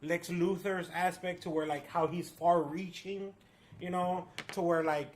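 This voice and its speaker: A tipsy man co-hosting a casual movie review, rambling in a halting, repetitive, drunken way. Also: high-pitched, fairly even intonation.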